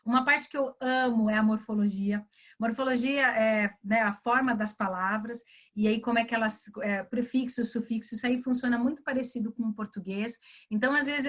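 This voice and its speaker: Chatty Brazilian-born woman on a video call. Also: a little high. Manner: lively, acts out dialogue, frequent "né?". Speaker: guest, career and English mentor. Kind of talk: explaining in a webinar chat.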